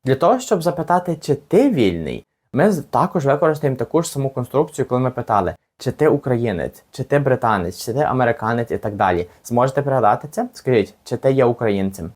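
Lively, patient male language teacher. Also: mid-range voice. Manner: patient, repeats each phrase slowly for the learner. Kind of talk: step-by-step language lesson.

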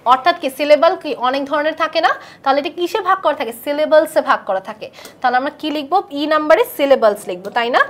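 A woman teaches a live online English class in a high voice. She quizzes her students, repeats their answers back, and reads test sentences out slowly.

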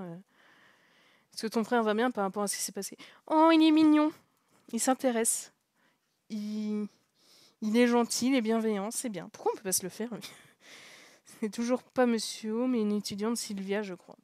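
A young woman streaming a story game, chatting and joking as she reads it aloud. She laughs a lot and slips into quiet asides now and then. Her voice sits at an ordinary pitch and sounds dry and close, with no room echo. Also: brisk. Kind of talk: casual live commentary while reading a visual novel.

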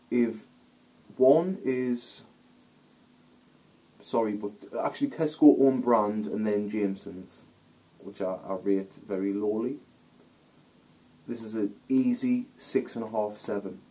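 A Scottish man talks through a whisky review in a relaxed, rambling way, circling back and restarting his sentences as he goes. His voice sits fairly low, with a soft, mellow tone. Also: low-quality recording. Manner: rambling, halting, chatty with restarts. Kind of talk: casual video review.

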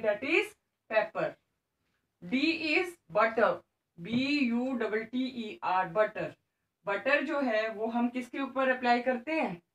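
A woman's voice: on the high side, echoey room, rough recording. A woman with an Indian accent teaching young children, spelling words letter by letter and switching between English and Hindi, asking questions and answering them herself. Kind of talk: classroom lesson for young children.

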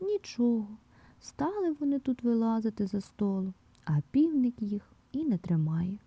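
A woman narrating a fairy tale in an expressive storyteller's manner, sometimes dropping to a whisper. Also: fairly high pitch, moderate pace, slightly rough, no room sound. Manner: expressive, softening to a whisper in places. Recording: dry close mic with soft background music.

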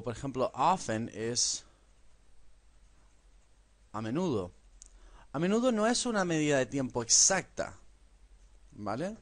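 A man teaching an English lesson in a classroom style. He speaks, says English words slowly for the listener to repeat, and keeps checking in with a quick "¿vale?". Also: mid-range voice. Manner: tags sentences with a questioning "¿vale?".

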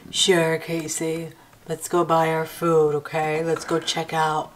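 A woman voicing a low, calm mother doll. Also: slow, background noise. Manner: calm, gently firm with her child. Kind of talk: toy doll play video.

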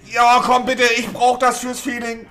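A man's voice: extremely high pitch, monotone, unhurried, very noisy. A man in his thirties ranting in crude slang as he streams a video game with friends, exasperated. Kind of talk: live gaming commentary with friends. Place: streaming room indoors. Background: loud game music.

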